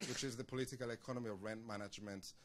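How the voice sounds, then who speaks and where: A man in the audience asking academic questions at a panel discussion in a large conference room, measured with hesitant restarts. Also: on the low side, steady tone.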